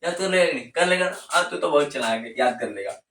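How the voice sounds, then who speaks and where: A man's voice: fairly high pitch, lively intonation, brisk, fairly bright tone, distant mic. Repetitive male teacher in an echoey room. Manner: repetitive, coaxing, drills phrases over and over. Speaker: chemistry teacher. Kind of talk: classroom lesson with mnemonics at a board. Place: classroom with a board.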